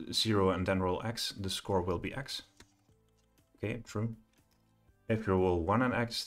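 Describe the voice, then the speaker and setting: A man's voice: low voice, gravelly. A middle-aged man giving a live coding walkthrough from a home office, thinking aloud and hesitating with many fillers. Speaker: programming tutor.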